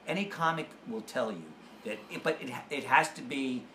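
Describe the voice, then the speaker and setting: A man, a comedian guest, chatting in an interview and telling unhurried stories, sometimes acting out what others said. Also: medium pitch, pushed and bright. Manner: unhurried storyteller who acts out quotes. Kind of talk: casual interview chat. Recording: echoey room with background noise.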